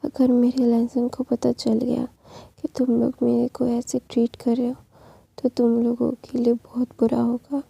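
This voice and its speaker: A woman's voice: a little high, completely flat delivery, measured pace, creaky, mellow, husky, dry recording, exaggerated voice. A woman voicing a scheming, deluded young woman in whispered role-play, insistent and clinging.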